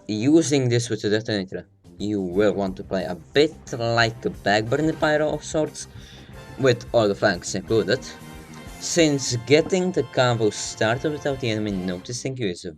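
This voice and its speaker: A man giving a casual, rambling game guide while recording under a blanket, sounding slightly out of breath and self-deprecating. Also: mid-range voice. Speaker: video game guide maker.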